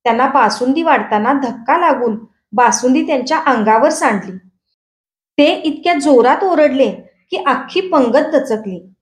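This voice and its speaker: A devoted young man firmly defends his new wife, voiced by a woman reader. The storybook voice stays high and clear. A roomy echo hangs on each line.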